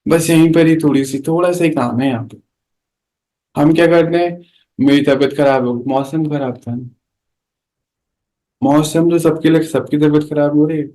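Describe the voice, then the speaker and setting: A man's voice: a little high, moderate pace, pauses often, warm tone, poor audio. A man giving a conversational spiritual talk to an audience, telling everyday anecdotes and asking rhetorical questions. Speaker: spiritual speaker.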